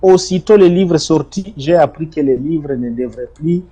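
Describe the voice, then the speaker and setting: A man's voice: a little high, moderate pace, warm tone, breathy edge. A middle-aged man from Congo, giving emphatic testimony in an interview and often repeating his words. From Congo (DRC). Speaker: interview guest, former detainee.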